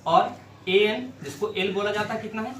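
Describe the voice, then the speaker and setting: A man's voice: high-pitched, normal speed, fairly bright tone. A man teaching a maths lesson, asking questions and answering them himself as he works problems on a board. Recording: echoey room, mic far off, faint noise.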